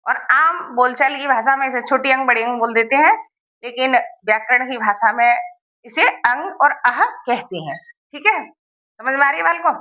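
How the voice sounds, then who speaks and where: A woman's voice: sits high, normal speed, dull audio. A woman teaching a grammar lesson, asking her students questions and answering them herself, checking that they follow.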